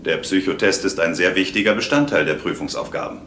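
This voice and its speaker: An actor playing a stern, proud Klingon warrior lieutenant in a dubbed science fiction drama, speaking gravely in measured, formal words. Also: male voice, sits low, fairly bright tone, roomy sound, a little hiss or hum. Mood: grave, stoic.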